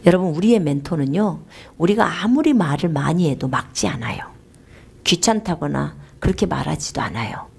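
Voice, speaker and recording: A woman's voice: low-pitched, expressive, normal speed, vocal fry, a little mellow, breathy edge. A woman preacher giving a sermon, telling stories animatedly and often addressing the congregation.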